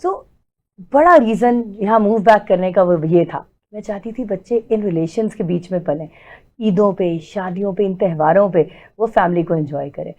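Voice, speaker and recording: A woman's voice: mid-range voice, a little mellow. A woman in her forties, a doctor and interview guest, chatting casually and explaining with everyday examples, slipping English words into her talk. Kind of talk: casual chat.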